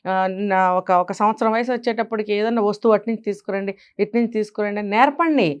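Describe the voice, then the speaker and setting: A woman with a Telugu accent speaks with a smooth, resonant voice. She gives parenting advice in an interview and drives her points home with rhetorical questions. Her pitch sits in the middle range. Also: quick pace, lo-fi sound.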